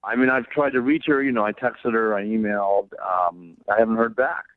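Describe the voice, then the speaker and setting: A man's voice: fairly low pitch, steady tone, fairly quick, no room sound. Hesitant male caller on a tinny phone line. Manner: hesitant, subdued, filler-heavy. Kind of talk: casual phone conversation.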